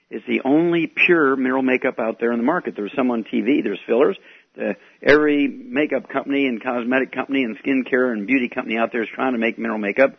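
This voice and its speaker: Gravelly man on a radio call-in, taped off the air. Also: medium pitch. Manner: unhurried, lots of "uh" fillers. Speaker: radio health talk show host. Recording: dull lo-fi radio tape with faint music.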